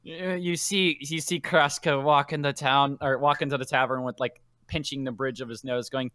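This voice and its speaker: A man's voice: medium pitch, fairly even intonation, moderate pace, bright, forceful tone, clean tone, no room sound, clean studio sound. A man narrating as game master of a tabletop game, rambling with many fillers and restarts.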